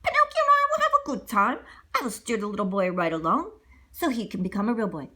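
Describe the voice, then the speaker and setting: A woman's voice: fairly high pitch, very animated, quick pace, pushed and bright, pitched below the performer's own voice, heavily acted. A woman voicing a tiny, chipper talking cricket, a self-assured and eager guide in a children's storybook. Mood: eager, confident.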